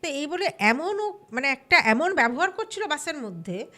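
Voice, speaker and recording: A woman telling a true ghost story casually, lively and acting out the people she quotes. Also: high-pitched, moderate pace. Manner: lively, acts out quoted voices. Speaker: storyteller guest.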